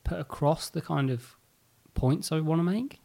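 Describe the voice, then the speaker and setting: A man's voice: on the high side, moderate pace, gravelly, warm tone. A man from England, a guest in a casual chat over drinks, sarcastic and joking, hesitating as he works through a point. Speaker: podcast guest.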